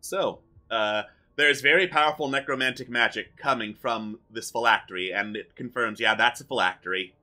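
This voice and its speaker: Male game master, mid-pitched with a sharp, very bright edge, narrating fantasy adventure off the cuff. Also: moderate pace, hardly any pauses.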